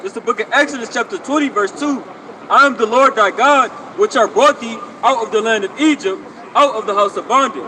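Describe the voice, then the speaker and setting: A man's voice: very high voice, fairly quick, sharp tone, some chatter behind. A man reading Bible verses aloud on a city street, declaiming each line. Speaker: scripture reader. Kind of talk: reading scripture aloud outdoors. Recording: distant voice over street noise.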